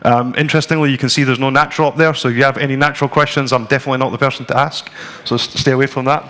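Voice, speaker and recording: A Scottish man in his forties, with a Scottish accent, gives a conversational technical talk and live demo to a conference audience in a room with a screen. His mid-range voice is steady and fairly bright, delivered rapid-fire with frequent ums and restarts.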